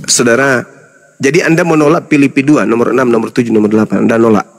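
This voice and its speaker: A man's voice: mid-range voice, fairly even intonation, fast, a little hiss or hum. A man, an Islamic preacher, in a heated interfaith debate, lecturing insistently and talking over the other man.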